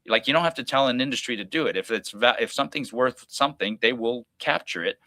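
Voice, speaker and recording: A middle-aged man from Alberta hosts a call-in radio show, and he sounds bright and forceful. He rambles in a folksy, pragmatic way, restarting sentences and adding asides. The studio sound is close and dry. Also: mid-range voice, lively intonation, quick pace, no echo. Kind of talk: opinionated talk radio monologue.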